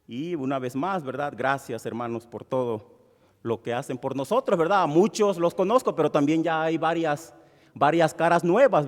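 Pastor with a long hall reverb. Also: male voice, on the high side. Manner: keeps adding "¿verdad?" and "hermano"; pauses and restarts with "este". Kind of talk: sermon with Bible reading and prayer.

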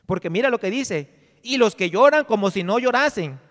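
A man's voice: sits high, lively intonation, normal speed, fairly bright tone, in a large hall. A male pastor, preaching a sermon in a conversational way and acting out the voices of the people he quotes.

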